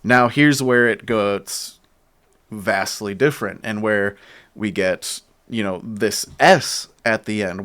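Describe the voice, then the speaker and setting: A man teaching a bible lesson at a whiteboard, explaining slowly and pausing while he writes. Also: lowish voice, fairly bright tone, clean tone. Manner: slow, explanatory, pauses while writing. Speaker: church teacher.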